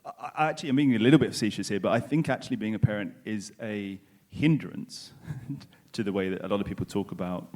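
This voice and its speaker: A man's voice: on the low side, fast, darkish tone. A man co-hosting a live podcast panel, speaking in a hedged, self-correcting way. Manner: hedging, many "kind of"s, self-correcting. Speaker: podcast co-host moderating a panel. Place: conference stage before an audience.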